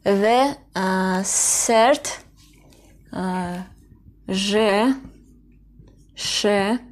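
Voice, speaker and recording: Woman teaching a language lesson real slow, says each example word twice, calm middle pitch. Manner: spells out sounds and repeats example words slowly.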